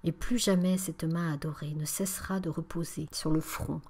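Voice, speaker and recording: A woman narrating a spiritual memoir as an audiobook, in a calm, measured and often breathy reading. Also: sits low.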